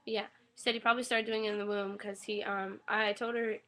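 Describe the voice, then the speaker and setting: Still recovering from an illness, a young woman gives a casual webcam update as a new-mother vlogger, rambling about her newborn son with lots of ums and cooing baby talk to him. Her slightly raspy, medium-pitched voice is a bit bright, fairly quick, and flat in delivery, recorded on a webcam mic.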